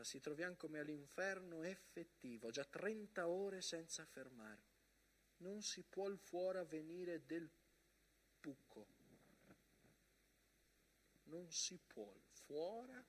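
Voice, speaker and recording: In a theatrical monologue, a male actor plays a First World War soldier-narrator reading front-line letters aloud in emphatic, broken phrases. His voice is a little high and slightly rough, and the mood is anguished.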